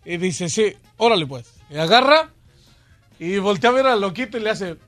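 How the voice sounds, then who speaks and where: A man co-hosting a radio comedy show. His voice is very high and bright. He tells a long joke in a rambling way, full of fillers. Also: lively intonation, moderate pace, soft background music. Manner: rambling storyteller with many fillers.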